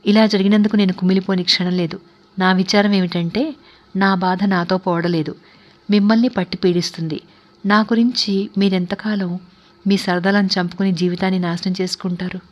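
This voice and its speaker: A woman voicing a composed young wife who is unable to walk, speaking in a calm, resigned and earnest way in a read-aloud story. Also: mid-range voice, moderate pace, highs cut off, close to an everyday voice. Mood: sorrowful. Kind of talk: audiobook character reading.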